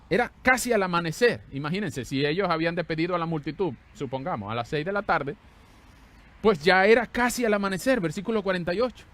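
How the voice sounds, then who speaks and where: A man preaching a sermon as a pastor, animated and conversational, swinging between loud exclamations and hushed tender lines while asking the congregation questions. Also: medium pitch.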